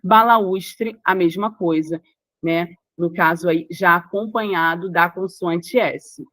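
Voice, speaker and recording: A woman's voice: fairly low pitch, steady tone, slow pace, a bit bright, dry recording. A woman with a Brazilian Portuguese accent teaching a grammar lesson for exam prep, explaining rules step by step, repeating key words and checking whether the listener follows.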